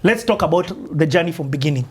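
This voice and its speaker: A man's voice: fairly high pitch, lively intonation, fast, a little mellow, husky. A man with a Kenyan accent hosting a casual interview, chatty, laughing often and slipping into Swahili. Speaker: podcast host.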